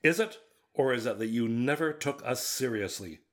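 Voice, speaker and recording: An actor playing a proud, sharp-tongued young nobleman, bitter and sardonic in an audio drama. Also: medium pitch, expressive, normal speed, close to an everyday voice.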